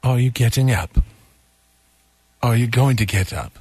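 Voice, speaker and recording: A man co-hosting a radio morning show, trading quick jokes in comic banter. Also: mid-range voice, darkish tone, husky, dry recording.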